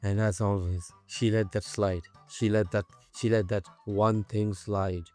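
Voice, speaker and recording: A man's voice: on the low side, level tone, measured pace, a little mellow, faint music behind. A man narrating a comedic storytime vlog in a playful, mock-grandiose way, stammering into restarts when he gets worked up. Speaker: vlogger.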